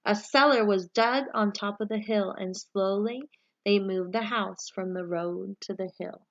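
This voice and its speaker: A woman reading a children's picture book aloud, with expressive, deliberate storytelling phrasing. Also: medium pitch, highs cut off. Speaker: story reader, read-aloud for young children.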